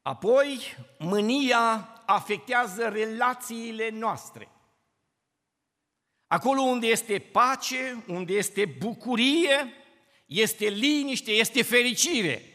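A man's voice: extremely high pitch, pushed and bright. A man preaching a sermon, impassioned, his voice rising and dropping sharply for emphasis. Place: church. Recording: long reverb of a church hall.

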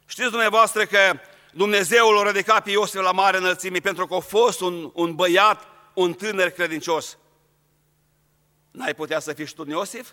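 High, bright-voiced man preaching in a hall. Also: fairly even intonation. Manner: earnest, addresses the congregation directly. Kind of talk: sermon.

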